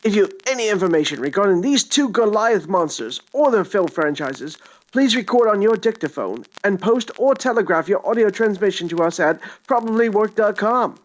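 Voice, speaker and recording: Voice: mid-range voice, lively intonation, moderate pace, natural voice, rough recording. A performer voicing a frantic old-time radio newsreader, reading a theatrical emergency bulletin with breathless exclamations and a melodramatic announcer cadence. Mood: announcing. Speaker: mock news announcer in a podcast promo.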